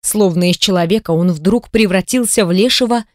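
A woman narrating an audiobook in steady, measured storytelling. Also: medium pitch, no room sound, studio quality. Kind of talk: scripted narration.

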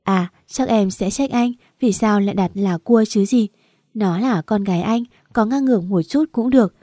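A woman's voice: medium pitch, normal speed, mellow, dry recording, studio quality, close to an everyday voice. A woman voicing a young husband who begs his unconscious wife to wake up, in a tearful, pleading manner.

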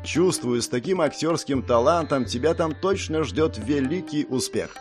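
A man's voice: a little high, lively intonation, normal speed, soft background music, voice pushed up, lightly acted. A man voicing a sardonic young prince with a curt, ironic way of speaking.

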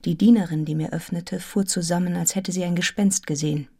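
The actress's voice runs on the low side, mellow and a touch rough, brisk with a steady tone, as she plays a young Englishwoman, devoted and independent, recounting her own life in a German radio play. It's a studio production with music, and her somber narration carries a composed, literary earnestness.

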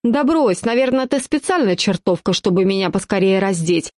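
A woman voices a young man, a playful husband who teases, in an audiobook. Her medium-pitched, darkish voice is expressive and close to her everyday speech, at a moderate pace, recorded dry with clean studio sound.

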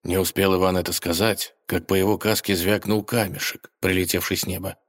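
A man narrating a children's story in a lively, expressive way. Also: sits low, a little fast.

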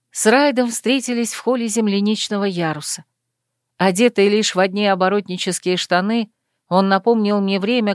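A woman narrating a first-person romance audiobook in an intimate, measured reading. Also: medium pitch, no echo, studio quality.

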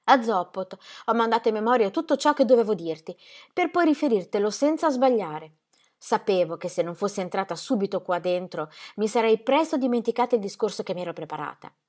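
Anxious young wife begging her husband, woman reading it, words tumbling out, pitch all over. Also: expressive, fairly quick, darkish tone, natural voice. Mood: pleading. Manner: breathless, pleading, repeating herself. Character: anxious young pastor's wife, desperately pleading.

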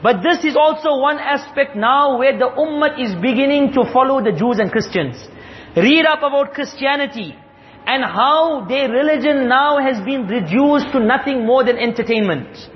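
A man gives an earnest sermon, driving points home through repetition. His voice sits very high. The sound is lo-fi and dull, with long echo from a big hall. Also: expressive, moderate pace. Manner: earnest, emphatic repetition, Arabic quotations. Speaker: Islamic preacher. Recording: echoey hall, dull lo-fi sound, faint hiss.

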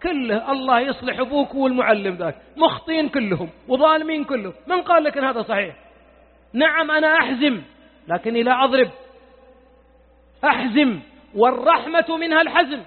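A middle-aged Saudi preacher with a strikingly high voice, pleading with fervour and firing rhetorical questions. The recording is tinny and thin, with a long hall reverb behind him. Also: male voice, lively intonation, fairly quick. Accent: Saudi Arabian. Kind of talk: sermon.

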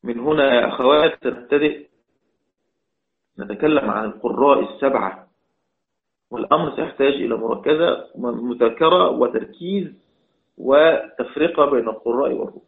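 At a medium pitch and normal speed, a gravelly-voiced man teaches Quran recitation, raising questions aloud and supplying the answers. He repeats each point for emphasis, and the sound is tinny and echoey, as if through a phone.

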